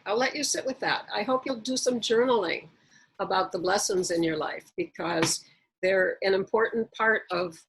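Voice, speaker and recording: A woman's voice: mid-range voice, creaky, husky, low-quality recording. A middle-aged woman giving a reflective motivational talk on a video call, with wordplay and humor. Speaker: speaker.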